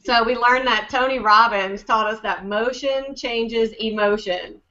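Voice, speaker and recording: A woman's voice: fairly high pitch, unhurried, pushed and bright, dull audio. A woman giving a casual, upbeat coaching talk as a network marketing team leader, chatty and full of fillers.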